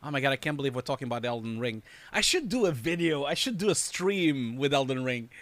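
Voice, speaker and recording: A man's voice: medium pitch, expressive, fast, a bit bright, dry recording. A man hosting a live stream, chatting casually and rambling, laughing often. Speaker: host reviewing showreels. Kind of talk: casual livestream chat.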